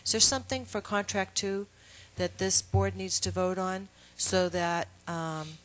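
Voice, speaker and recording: A woman on a town board, questioning an official at a public meeting in a deliberate, hesitant way with frequent fillers. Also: medium pitch, steady tone, rough recording.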